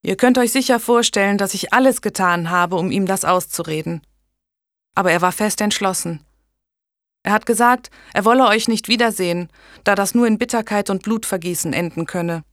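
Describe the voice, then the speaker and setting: A woman reading an audiobook, voicing a calm, polite young medieval nobleman with a steady, firm manner. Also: medium pitch, moderate pace, dry recording, studio quality, close to an everyday voice.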